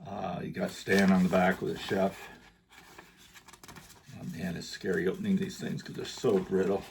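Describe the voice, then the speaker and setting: A middle-aged man vlogging about collectibles, relaxed and joking, sometimes talking while chewing candy. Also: low voice, moderate pace, gravelly, a little hiss or hum. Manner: relaxed, joking, rambling with fillers. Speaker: card collecting YouTuber. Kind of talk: casual vlog, showing gifts to camera.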